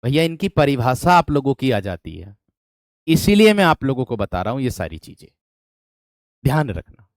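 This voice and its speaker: Very animated and medium-pitched, this man teaches an online exam-prep session at a normal speed with long pauses. He addresses students as "my friend," repeats questions as drills, and asks for thumbs up, in a recording with no room sound.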